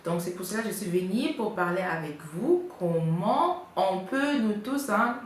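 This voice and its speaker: A woman's voice: medium pitch, lively intonation, moderate pace. A woman giving couple advice in a casual vlog, chatty and full of hesitations. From Congo. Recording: echoey room, faint noise.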